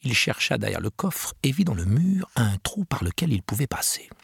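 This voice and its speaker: A man reading a children's storybook aloud with expressive, lively storytelling. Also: medium pitch, normal speed, creaky, breathy edge, no echo, studio quality. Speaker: narrator.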